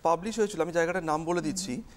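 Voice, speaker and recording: A woman's voice: lowish voice, very fast. A woman teaching a televised exam-prep lesson, explaining step by step and repeating key terms.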